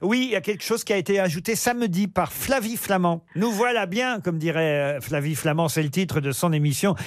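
Male radio host, high voice, playful banter, dry studio sound. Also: no echo. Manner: teasing, reads sponsor copy briskly. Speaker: radio game show host.

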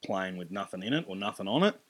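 A man's voice: low-pitched, very animated, quick pace. An Australian man co-hosting a casual chat, plain-spoken and agreeable. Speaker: podcast co-host.

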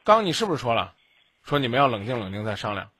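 A man's voice: mid-range voice, big pitch swings, quick pace, bright, forceful tone, husky, dry recording. A man hosting a late-night radio advice show, bluntly lecturing and scolding a caller. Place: radio studio.

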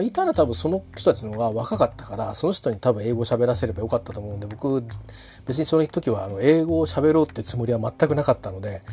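Guy rambling through a story, lots of fillers, mellow voice, lively pitch, bit of music behind. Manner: rambling, full of fillers and restarts. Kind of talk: casual anecdote monologue.

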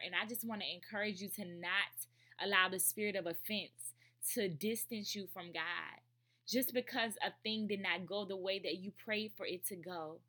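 A woman's voice: medium pitch, bright, forceful tone. A woman giving earnest, emphatic spiritual encouragement, speaking straight to the listener and repeating phrases for stress. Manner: direct address to the listener. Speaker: faith speaker. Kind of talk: spoken devotional encouragement.

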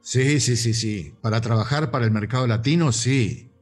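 A man's voice: mid-range voice, normal speed, soft background music. A man in his fifties with a Rioplatense Argentine accent, a voice actor talking animatedly in a casual interview. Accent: Rioplatense Argentine Spanish. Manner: animated, gesturing storyteller. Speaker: voice actor guest. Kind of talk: casual interview over a call.

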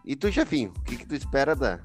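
A man's voice: mid-range voice, big pitch swings, fast talker, soft background music. A man heckling his friends in casual chat with short jabs.

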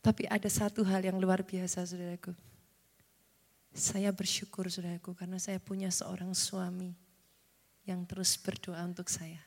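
A woman pastor, moving from fervent prayer to soft, confiding preaching. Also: on the low side, little pitch movement, normal speed. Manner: fervent prayer with chanted tongues, then soft confiding talk. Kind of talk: sermon. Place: large church hall. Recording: reverberant church hall with music. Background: keyboard music.

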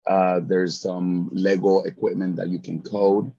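A man's voice: deep voice, level tone, a little slow, warm tone. A middle-aged man from Mexico with a Mexican Spanish accent, chatting with enthusiasm as a guest in an interview and often repeating words as he starts a thought. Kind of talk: casual interview chat. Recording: dull lo-fi sound.

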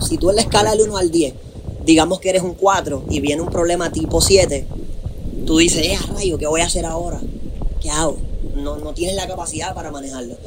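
A man's voice: fairly high pitch, noisy background. A young man with a Puerto Rican accent, telling his story as a guest on a podcast in an earnest, motivational way, slipping English words into his talk. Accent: Puerto Rican Spanish. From Puerto Rico. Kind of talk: emotional storytelling in a podcast interview.

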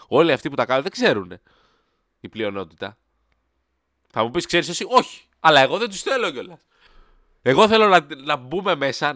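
A man hosting a football podcast alone, ranting in a heated, sarcastic way, his voice leaping upward whenever he gets worked up. His tone is smooth and clear, set in a dry, close space with no room sound. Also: medium pitch, fairly bright tone, no room sound. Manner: heated, sarcastic, voice jumping up when riled. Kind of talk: solo football podcast rant.

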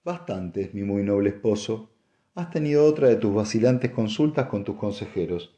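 A man's voice: animated, normal speed, warm tone, natural voice. A man reading an audiobook and voicing a haughty, scheming noblewoman with a cold, cutting manner. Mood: icy mocking. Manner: cutting, mocking, rising to shrill insistence.

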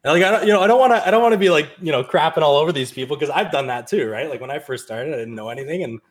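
A man co-hosting a casual trading podcast, rambling and acting out quoted people in a raised voice. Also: expressive. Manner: fast, rambling, acts out quoted people in a higher voice. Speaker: podcast co-host.

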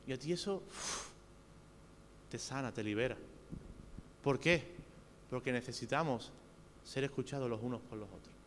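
A man's voice: mid-range voice, normal speed, pauses often, fairly bright tone. A man preaching a sermon with a Spain Spanish accent, earnest and talking straight to his listeners with rhetorical questions. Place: church hall. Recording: reverberant hall with faint hum.

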